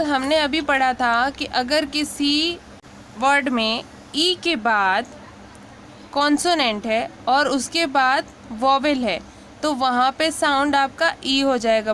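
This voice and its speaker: A woman with a high voice walks through a pronunciation lesson, unhurried and patient, saying each example word slowly. A faint hiss of background noise sits under her voice. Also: a bit bright. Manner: patient, repeats each word slowly, frequent "theek hai". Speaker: English pronunciation teacher. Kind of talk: slow explanatory lesson.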